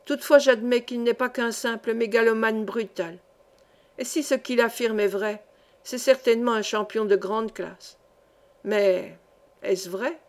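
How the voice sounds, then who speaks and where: Brief: a woman voicing a courteous male contractor, measured and doubtful, audiobook reading. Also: fairly high pitch, close to an everyday voice. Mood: sceptical. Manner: polite and measured. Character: polite, sceptical male contractor.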